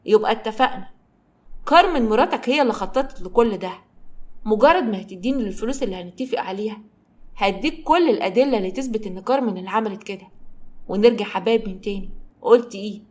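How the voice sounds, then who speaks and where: Egyptian woman doing a cool smug bad guy, taunting and fast. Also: mid-range voice, darkish tone, natural voice. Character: cold, smug scheming man.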